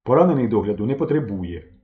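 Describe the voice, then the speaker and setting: A man's voice: very animated, fast, narrow, tinny audio. A man reading aloud as a stern, caustic elderly woman doctor who speaks sharply and bitingly. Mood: dry. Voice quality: hoarse bass voice.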